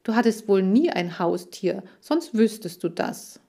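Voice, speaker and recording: A woman's voice: medium pitch, animated, a little slow, vocal fry, mellow. Woman voicing a firm girl detective. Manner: firm, matter-of-fact. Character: level-headed girl detective, firm and practical.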